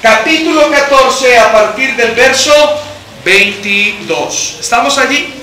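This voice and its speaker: A man leads a church Bible study in an unusually high, piercingly bright voice. He reads scripture with drama and keeps checking in with his listeners. The sound carries the echo of a reverberant church hall. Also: slow, a little hiss or hum. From Colombia. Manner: animated, questions the congregation, reads scripture dramatically.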